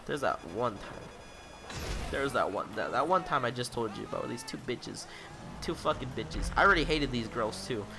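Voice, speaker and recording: A man's voice: mid-range voice, expressive, normal speed, gravelly, music in the background. A young man in his late teens ranting in a rambling, exasperated vlog monologue, swearing constantly. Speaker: vlogger.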